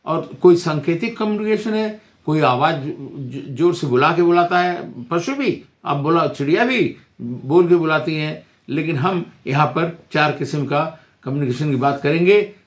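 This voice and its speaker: A man, an advocate teaching about communication in a halting, repetitive explanatory way. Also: a little high, animated. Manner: halting, repeats words and restarts often. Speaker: advocate giving a legal lesson. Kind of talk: informal explanatory talk.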